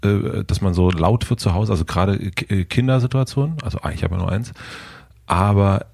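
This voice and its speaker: A man with a German accent hosting a casual talk, speaking haltingly with many fillers and restarts. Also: lowish voice, gravelly, warm tone, breathy edge. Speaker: podcast host. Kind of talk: casual conversation.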